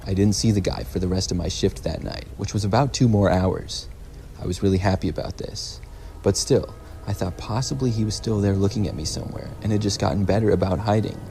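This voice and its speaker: A man narrating a scripted first-person story in a measured, plain storytelling delivery. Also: on the low side, gravelly, warm tone, a little hiss or hum. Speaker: narrator of horror stories.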